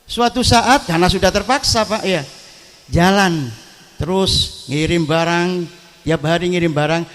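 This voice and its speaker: A man's voice: sits high, a little slow, a bit bright. A man with an East Javanese accent giving a humorous sermon, telling stories and addressing the crowd at an outdoor evening gathering. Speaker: preacher. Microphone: PA microphone.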